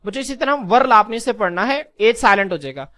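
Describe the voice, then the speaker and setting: This classroom lesson comes from a man whose high-pitched voice sounds animated, bright and forceful. Calling his pupils children, he asks questions, supplies the answers, and lingers slowly over important terms.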